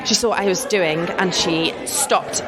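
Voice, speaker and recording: A woman artist with an English accent and a lowish voice talks about her work a little slowly, yet in a chatty, enthusiastic way, laughing often. The casual interview takes place at a busy art fair, with crowd chatter behind.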